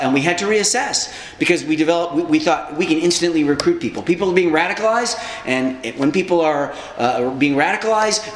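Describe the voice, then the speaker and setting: A socialist activist tells conversational stories about his years of political organizing, animatedly acting out people he met. His voice is fairly high, and the recording has a slight hiss or hum, an echoey room, and faint background ambience.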